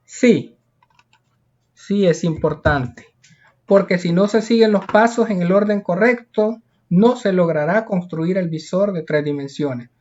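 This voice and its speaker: A man's voice: sits high, unhurried, few pauses, a little mellow. A male teacher, patiently explaining a lesson step by step and repeating key points. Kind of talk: recorded classroom lesson. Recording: dull lo-fi recording.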